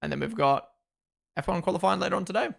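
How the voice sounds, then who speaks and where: A man's voice: high-pitched, quick pace, creaky, fairly bright tone. A young man from Australia and New Zealand hosting a live race watchalong, giving chatty, opinionated commentary and talking to his chat.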